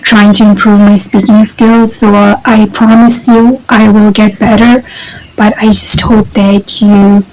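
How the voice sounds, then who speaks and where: A young woman who isn't a native English speaker chats casually to the camera for her vlog, rambling and hesitant with lots of fillers. Her voice is medium-pitched, level and somewhat dark, and she speaks at a measured pace. The recording is rough.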